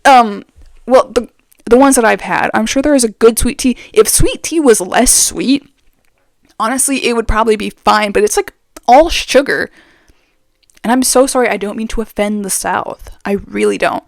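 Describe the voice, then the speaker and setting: A woman's voice: a little high, moderate pace, gravelly, dry recording. A young woman vlogger chatting casually and with strong opinions, full of fillers, speaking very close to the microphone. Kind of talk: casual chat. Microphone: very close to the mic.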